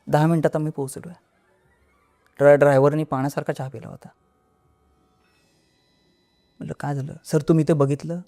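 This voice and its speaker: A man with a Marathi accent recounts a real haunted experience as a podcast guest. His voice sits fairly high, and he drops it low and quiet when he acts out what people said. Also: fairly even intonation, quick pace, creaky, faint music behind. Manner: storytelling, acting out dialogue in a lowered voice. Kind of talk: telling a horror experience.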